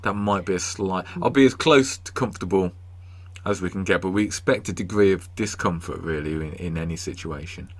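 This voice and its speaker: A man's voice: sits low, a little fast. A man with an English accent in casual podcast chat, self-deprecating and dryly humorous. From England. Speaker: podcast co-host.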